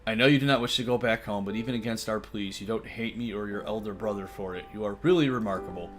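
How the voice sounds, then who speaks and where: A man reading the lines of a protective male guardian tiger spirit aloud in a soft, formal, old-fashioned way. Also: lowish voice, soft background music, lightly acted. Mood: earnest. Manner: formal, old-fashioned wording, read slowly and softly. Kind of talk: reading visual novel dialogue aloud.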